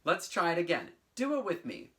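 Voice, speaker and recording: High-pitched and fairly quick, a presenter in his thirties teaches children from his bedroom at home, telling stories and giving instructions. The delivery is animated and theatrical, clearly articulated, with sing-song chants woven in.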